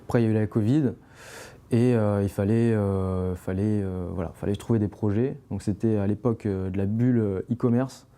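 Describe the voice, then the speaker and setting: Speaking at normal speed with a steady tone, this young French climbing brand founder has a mellow voice on the low side. As an interview guest on a podcast, he wanders through his answers with lots of fillers and false starts.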